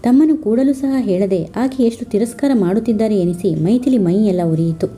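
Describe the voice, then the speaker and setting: A woman reads a family story aloud in a steady, scripted narration. Her voice is very dark and mellow, and it has a husky grain. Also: medium pitch, moderate pace.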